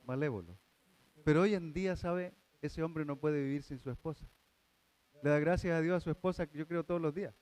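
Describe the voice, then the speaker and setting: A male pastor preaching a sermon, earnest, dropping to hushed tones and rising to impassioned appeals. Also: fairly high pitch, brisk.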